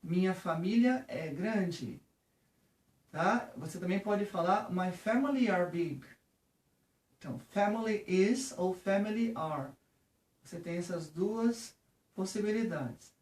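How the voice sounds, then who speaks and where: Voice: mid-range voice, slow, a little mellow. A teacher with a Brazilian Portuguese accent giving a patient lesson on English vocabulary, often checking in with the viewer. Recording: roomy, from a distance.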